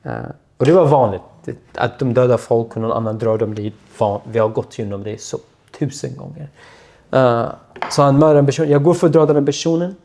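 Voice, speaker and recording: A man, a guest telling his own story in an interview, speaking in a halting, quiet voice that often trails off. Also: mid-range voice. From Syria.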